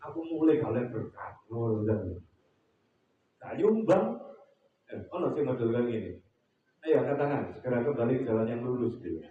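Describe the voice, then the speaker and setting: A man's voice: mid-range voice, big pitch swings, normal speed, pauses often, phone-quality sound, a little hiss or hum. A middle-aged East Javanese man preaching at a neighborhood religious gathering, a humorous storyteller who acts out quotes and quizzes his listeners. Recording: echoey, far from the mic.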